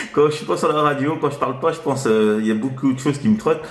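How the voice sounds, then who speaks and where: Speaking at medium pitch and a quick pace, a man chats casually as a CB radio operator. He's hesitant and rambling, using frequent tag words, and a roomy echo surrounds his voice.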